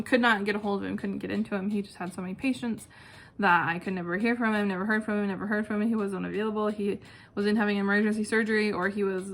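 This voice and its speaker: A woman's voice: medium pitch, fairly bright tone. A young adult woman talking casually and informally to her channel in a self-deprecating, chatty way, with clicking in the background. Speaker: video channel host. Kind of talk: casual one-take vlog chat, answering questions. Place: at home, indoors. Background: clicking ceiling fan, possible neighbors talking outside.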